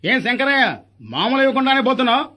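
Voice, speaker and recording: An actor playing a blunt, bossy hospital hand in a stage comedy, throwing accusations back. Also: male voice, extremely high pitch, quick pace, bright, forceful tone.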